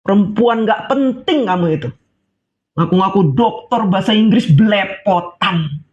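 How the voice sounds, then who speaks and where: A man's voice: sits high, animated, measured pace, darkish tone. A man ranting to camera as an online commentator, scolding with sarcastic rhetorical questions. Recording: dull lo-fi audio.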